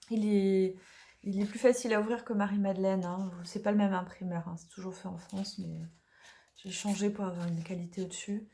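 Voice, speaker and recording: A woman casually presenting her oracle deck, chatty and hesitant with many fillers, slightly hoarse from allergies. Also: medium pitch, warm tone. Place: dim room in the evening.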